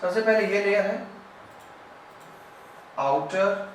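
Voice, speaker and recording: A man teaching a biology lesson at a board. He explains step by step, asks his class if it is clear, and goes loud and then quiet as he draws. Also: high voice, slow, recorded from a distance. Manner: loud when explaining, quiet and trailing off while drawing. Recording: very echoey room, voice off-mic, faint background hiss.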